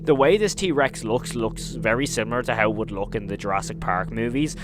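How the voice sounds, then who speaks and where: A man with a lowish voice hosts a casual recap commentary at a brisk clip, with music playing behind him. As narrator, he tells the story emphatically and leans heavily on intensifiers.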